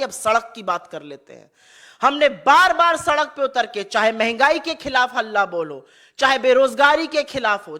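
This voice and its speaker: A woman giving a political speech as a party spokesperson, forceful and rhetorical, repeating rallying lists of points. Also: sits high.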